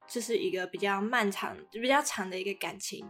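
Background music plays as this early-twenties woman co-hosts a laid-back, explanatory podcast in Taiwanese-accented Mandarin. She talks fairly quickly in a medium, slightly bright voice, lingering on the particles at the close of each phrase.

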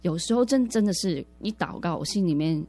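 A woman's voice: lowish voice, animated, fairly quick, dark tone. A woman sharing her personal faith testimony in a radio interview, earnest and reflective, often restarting her words.

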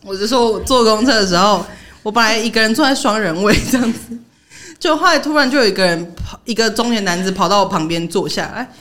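Fast-talking Taiwanese woman storyteller. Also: mid-range voice. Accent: Taiwanese Mandarin. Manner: animated, acts out quoted voices, laughs often. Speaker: podcast co-host. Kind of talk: casual storytelling chat.

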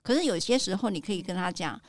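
A woman's voice: mid-range voice, expressive, fast talker, no room sound, studio quality. A middle-aged woman with a Taiwanese Mandarin accent, hosting a casual chat, asking questions and laughing often. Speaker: host.

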